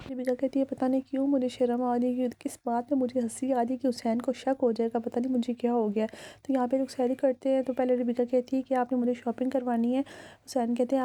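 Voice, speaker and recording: Woman narrator, casual vlog recap, retells scenes and quotes the people in them. Dark, mellow tone, fairly high but held close to one pitch, very dry close sound. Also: no room sound. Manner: chatty retelling with quoted dialogue.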